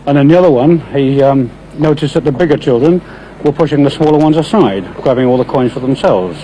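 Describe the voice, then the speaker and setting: A man's voice: mid-range voice, a little fast, dark tone, rough recording. An older man, informally explaining local tradition in an interview, hesitant and full of small asides. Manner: hesitant, genial asides like "you see". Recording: 1970s location recording with background noise.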